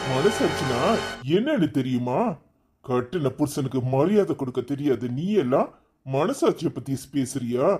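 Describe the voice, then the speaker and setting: A man's voice: medium pitch, a little mellow, husky. A man voicing an angry, stubborn young husband who teaches at a college, scolding and dismissing his wife in a cartoon story.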